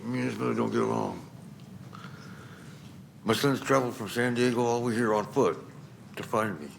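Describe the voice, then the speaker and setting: A man's voice: medium pitch, normal speed, gravelly, slight background noise, low-quality recording. A middle-aged man giving unscripted personal testimony as a commenter at a public meeting. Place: council chamber at public microphone.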